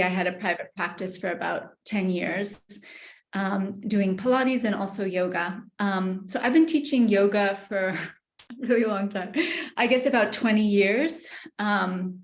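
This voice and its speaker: A middle-aged woman from New York, a yoga teacher talking casually and thoughtfully in an interview, with many fillers. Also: medium pitch. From New York City. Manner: thoughtful, hesitant, many fillers and small laughs. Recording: roomy echo.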